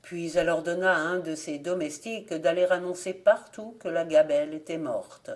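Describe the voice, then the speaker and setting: Woman reading folk tales, lowish voice. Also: fairly even intonation, normal speed. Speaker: volunteer audiobook reader.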